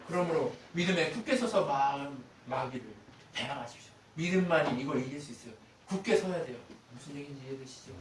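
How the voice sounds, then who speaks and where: Male pastor, high voice, animated sermon full of rhetorical questions; very echoey hall, mic set back. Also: far from the mic, a little hiss or hum. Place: church sanctuary.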